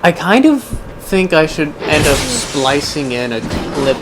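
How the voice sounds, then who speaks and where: Man, slightly high voice, casual gaming commentary, wry musing, clear background noise of game ambience. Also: big pitch swings, slow pace. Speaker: gaming video host. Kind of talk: casual rambling gameplay commentary. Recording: clearly noisy background under voice.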